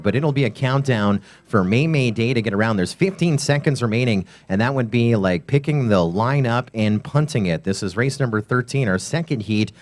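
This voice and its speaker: A man calls a drone race live, running through lap times in quick play-by-play. He breaks in with sponsor reads between the action, in the even voice of an event announcer. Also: medium pitch.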